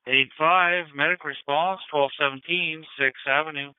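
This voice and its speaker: A man's voice: on the high side, fairly even intonation, moderate pace, clean tone, no echo. A man working as a fire and medical dispatcher, giving procedural, matter-of-fact calls over two-way radio. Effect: two-way radio transmission. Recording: tinny narrow-band scanner radio.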